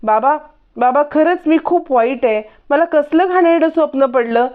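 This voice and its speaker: A woman's voice: high-pitched, normal speed, voice pushed up, natural voice. A woman voicing a scheming young woman who wails in put-on distress. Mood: distraught. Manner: wailing, melodramatic. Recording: dull lo-fi recording.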